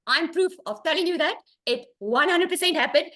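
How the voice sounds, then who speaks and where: A woman's voice: extremely high pitch, lively intonation, a little fast, pushed and bright. A woman from South Africa with a South African accent, giving an earnest, emotional personal testimonial as a guest on a webinar over a video call. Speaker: guest sharing her success story.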